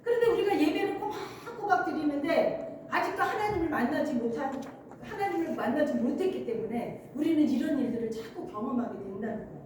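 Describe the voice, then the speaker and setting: A woman's voice: high voice, lively intonation, fairly quick, a little mellow. A woman pastor preaching a sermon, earnest and emphatic, often laughing as she speaks. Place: church sanctuary. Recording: very echoey church hall, mic at a distance, faint noise.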